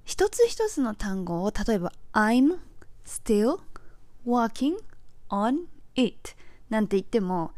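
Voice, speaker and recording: A woman's voice: mid-range voice, a little mellow, dry recording. A woman in her forties, from Japan, hosting a casual solo audio talk and explaining things in a chatty, friendly way with filler words. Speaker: podcast host.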